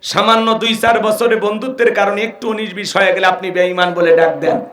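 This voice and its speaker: Fiery, high, bright-voiced male preacher. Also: flat delivery, a little fast, echoey room. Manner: fiery, shouting to crowd, call and response. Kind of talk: sermon. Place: outdoor religious gathering.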